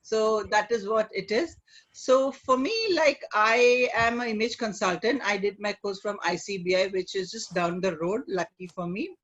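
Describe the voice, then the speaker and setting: Speaking haltingly and frequently adding "you know," a middle-aged Indian-accented image consultant chats as an interview guest. Her voice sits in the mid range with a slightly bright quality. Audio quality is dull and lo-fi, typical of an online call.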